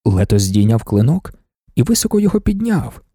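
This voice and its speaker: A man reading a novel aloud as an audiobook narrator, in an expressive, dramatic manner. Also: mid-range voice, fairly quick, dry recording, studio quality.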